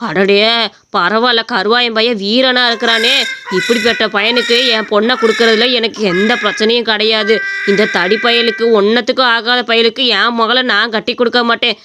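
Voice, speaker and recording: A woman's voice: fairly high pitch, steady tone, moderate pace, noisy background, pitched below the performer's own voice, natural voice. A woman voicing a grumpy old village father who scolds and scorns the young men in a cartoon story. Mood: pleased. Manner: scolding, contemptuous.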